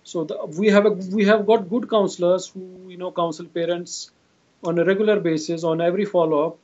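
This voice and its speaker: Over a muffled, lo-fi video call from an indoor room, with the device at arm's length, a clinician with an Indian accent answers interview questions briskly. His notably high, slightly mellow voice has little pitch movement, and he keeps repeating phrases and saying "you know."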